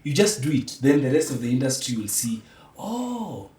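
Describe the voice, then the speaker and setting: Speaking at normal speed in a mellow, sing-song, mid-range voice, this Kenyan man, a theatre practitioner guesting on a podcast, muses emphatically and philosophically in a mix of English and Swahili. The recording sounds distant, roomy, and echoey.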